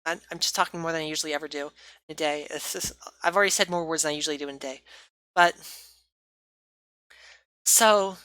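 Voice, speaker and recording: A woman's voice: sits low, fairly quick, pauses often, pushed and bright, clear, resonant tone, no room sound. A woman giving a casual, rambling movie review, often stopping to correct herself and apologize.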